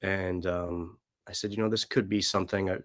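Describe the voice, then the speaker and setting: A man in his late thirties with a hoarse, worn-out voice, chatting casually as a musician guest in an interview. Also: deep voice, little pitch movement, moderate pace, dry recording, clean studio sound. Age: late 30s. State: voice worn out from gigging.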